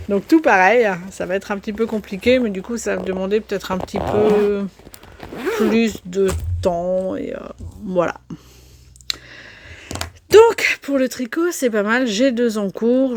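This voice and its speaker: A woman's voice: medium pitch, darkish tone, slight background noise. Chatty woman showing her knitting. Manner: chatty, self-mocking, many fillers. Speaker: vlogger. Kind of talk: casual crafting vlog chat.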